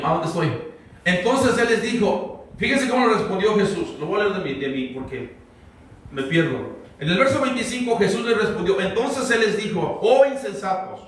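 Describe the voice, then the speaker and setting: Male pastor, high voice, conversational Bible teacher, heard from afar in a booming church hall. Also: a bit bright. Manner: conversational, quizzes the congregation. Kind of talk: verse-by-verse Bible teaching sermon. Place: church sanctuary. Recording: very echoey hall, mic far off.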